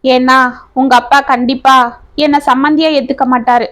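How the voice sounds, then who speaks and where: An honest, proud old village uncle, as a woman reads him speaks with earnest, measured weight. The voice sits high and light in this storybook reading. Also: steady tone, fairly bright tone.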